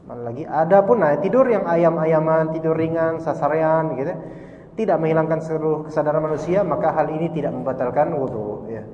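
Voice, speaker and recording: A man giving a relaxed religious lecture, joking and slipping into street slang and little acted-out dialogues. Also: on the high side, brisk. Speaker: Islamic teacher. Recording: dull roomy hall recording with faint ambience.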